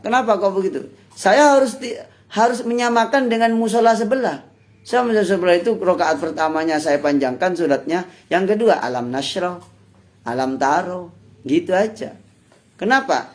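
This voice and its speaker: A Javanese-accented man, an Islamic preacher, giving a conversational study-circle sermon with loud bursts and soft asides. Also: sits high. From Indonesia.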